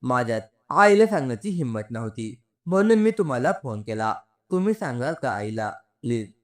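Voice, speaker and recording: A man's voice: mid-range voice, big pitch swings, normal speed, natural voice. A man voicing a remorseful, tearful young woman. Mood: remorseful pleading. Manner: tearful, apologetic, begging.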